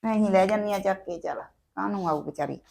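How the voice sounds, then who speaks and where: A woman's voice: mid-range voice, fairly quick, vocal fry, a little mellow, lightly acted. An actress playing a caring older mother who visits her married daughter, talking in a homely, advising way full of sayings, with a Punjabi accent. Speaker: actor. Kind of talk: village short-film acting.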